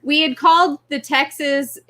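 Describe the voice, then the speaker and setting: Chatty homeschooling mom on a live stream. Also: female voice, high-pitched, fairly even intonation, a little slow, pushed and bright, rough recording. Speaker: homeschooling parent guest. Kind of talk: casual chat on a live stream.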